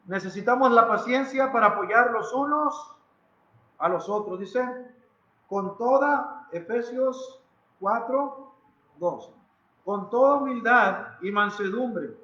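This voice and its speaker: A man's voice: very high-pitched, expressive, slow, bright, forceful tone, roomy sound, lo-fi sound. A man with a Mexican Spanish accent preaching a sermon in a church, emphatic and dramatic, who repeats phrases and puts questions to the congregation. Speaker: pastor. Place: church hall.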